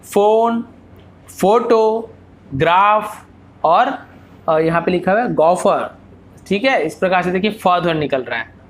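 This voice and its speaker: Patient male teacher quizzing himself aloud. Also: sits high. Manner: asks rhetorical questions, then answers them; repeats example words slowly. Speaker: English teacher. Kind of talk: explaining English phonics lesson.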